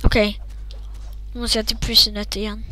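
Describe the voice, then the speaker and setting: Female gaming host: expressive play-by-play, bright tone, high voice. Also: soft background music, poor audio. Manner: expressive, dramatic. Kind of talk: gameplay commentary.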